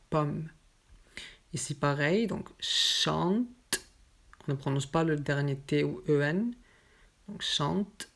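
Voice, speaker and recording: A woman teaching French pronunciation, explaining each example word patiently and saying it slowly and carefully. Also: low voice. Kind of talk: slow explanatory lesson.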